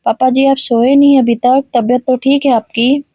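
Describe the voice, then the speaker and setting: A woman reads as a respectful young daughter-in-law in a storybook, polite and a touch hesitant. The voice is fairly high and mellow, recorded dry. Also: flat delivery, moderate pace, no room sound.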